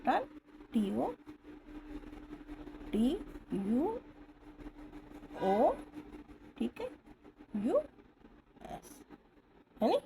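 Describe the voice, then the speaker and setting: A woman's voice: on the high side, huge pitch swings, drawn-out words, creaky, long pauses, mellow, slight background noise, low-quality recording. A woman teaching stenography in a patient classroom manner, spelling words out letter by letter and checking that students follow. She speaks English words with an Indian accent. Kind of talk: classroom lesson explanation. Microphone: camera or phone held at a distance.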